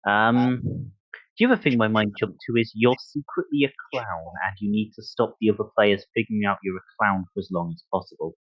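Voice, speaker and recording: A man hosting a podcast in casual chat, thinking aloud in a halting way. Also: fairly low pitch, dry recording, highs cut off. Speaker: podcast host.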